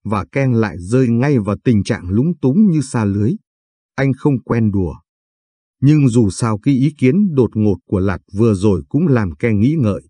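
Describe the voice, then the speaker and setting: A man reading a story aloud in a steady, even storytelling way. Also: mid-range voice, moderate pace, husky, no echo. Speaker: narrator.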